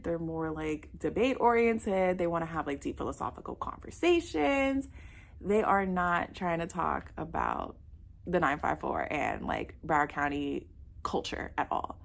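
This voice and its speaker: A gravelly, lowish voice with big pitch swings carries this casual direct-to-camera advice session at a measured pace. The speaker, a millennial woman in her 30s from South Florida, gives sassy dating guidance and calls viewers girl and babe.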